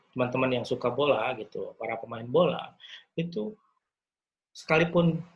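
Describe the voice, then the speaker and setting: A middle-aged man gives an online university lecture in a measured speaking voice. He thinks aloud as he goes, pausing often and filling the gaps with "eh". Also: medium pitch. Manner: thinking aloud, with frequent "eh" fillers and pauses.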